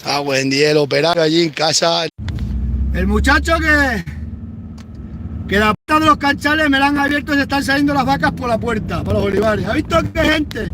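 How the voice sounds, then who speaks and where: High-voiced swearing farmer. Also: male voice, a little fast, background noise. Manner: blunt, swearing, mocking, rough rural talk. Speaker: cattle farmer streaming live. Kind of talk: rambling live stream while herding cows. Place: outdoors on a farm with cattle.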